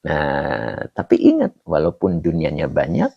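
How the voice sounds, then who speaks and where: A middle-aged man teaching an Arabic religious text on a livestream, reading viewers' comments and joking with them in a relaxed way. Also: extremely low pitch, unhurried, vocal fry, husky, dry recording, dull audio. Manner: reads comments, jokes with viewers. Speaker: kitab teacher. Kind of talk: live-streamed kitab lesson. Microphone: phone or camera on a stand.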